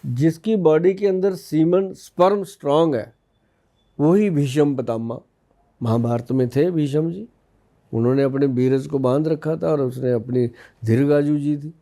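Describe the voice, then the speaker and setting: Dark-voiced Indian man telling folksy anecdotes. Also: on the high side, measured pace. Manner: folksy, storytelling, explains with anecdotes. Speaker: Ayurvedic expert guest. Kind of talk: casual podcast interview.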